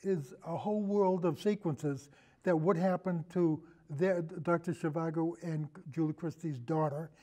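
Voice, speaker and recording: A longtime radio show host, now an older man, talks casually about film as a podcast guest. His voice is notably high and relaxed, and he meanders haltingly, letting thoughts trail away into et cetera.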